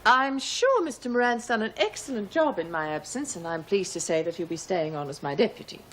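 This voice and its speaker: Female actor, measured middle-aged governor, formal and composed. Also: mid-range voice, expressive, a bit bright, a little hiss or hum, close to an everyday voice, low-quality recording. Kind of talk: 1980s television drama acting.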